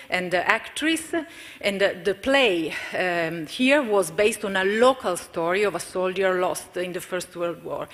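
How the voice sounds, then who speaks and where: A woman's voice: mid-range voice, a bit bright. A woman giving a conference presentation for her community cooperative, hesitant with fillers and restarts. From Italy. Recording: reverberant conference hall.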